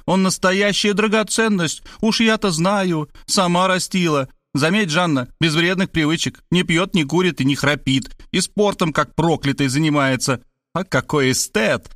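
A man reading aloud and voicing a loud, domineering older mother who scolds and boasts about her son. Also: no room sound, studio quality. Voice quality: shrill, bossy, exclaiming.

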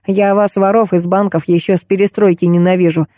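A cantankerous old woman played by a female audiobook reader scolds and accuses in a grumpy, combative voice. The tone stays mellow and the recording is dry and close. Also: lowish voice, fairly even intonation, fairly quick, dry recording, lightly acted. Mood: scolding. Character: cantankerous, combative elderly woman, a retired court archive clerk. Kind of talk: audiobook character voice.

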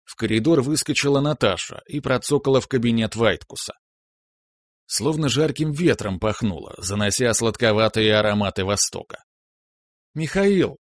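A man reading a first-person novel aloud in an even storytelling manner. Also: fairly low pitch, moderate pace, no echo. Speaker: audiobook narrator. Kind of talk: first-person audiobook narration.

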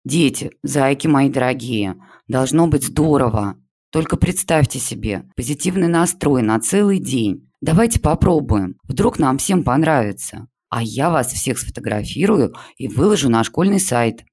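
A man's voice: mid-range voice, lively intonation, moderate pace, a little mellow. A man doing a gushing, coaxing woman teacher. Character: eager, fussing female class teacher.

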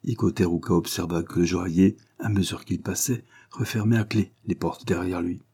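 A man reading a novel aloud as an audiobook narrator, in a measured, even storytelling manner. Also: low-pitched, slightly rough. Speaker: audiobook reader.

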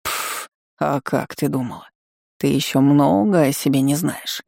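A narrator voicing a cheeky male talking cat who mutters in a low, smug, condescending way in an audiobook. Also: unhurried, vocal fry, a little mellow, no room sound, studio quality.

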